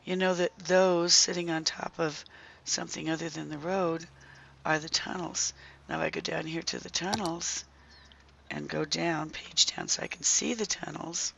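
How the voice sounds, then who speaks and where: Hoarse, croaky gamer with heavily creaking voice. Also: medium pitch, steady tone, fairly bright tone, a little hiss or hum, rough recording. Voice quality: croaky, strained, breaking into whisper. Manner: halting, thinking aloud while working. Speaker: gaming video creator. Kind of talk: casual gameplay walkthrough commentary.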